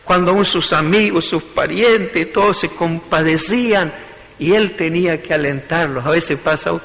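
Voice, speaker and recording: A male pastor delivers a sermon in short, stacked phrases that keep rising in emphasis. His voice sits slightly high for a man. It carries a long reverb from a church hall. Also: measured pace, vocal fry, fairly bright tone.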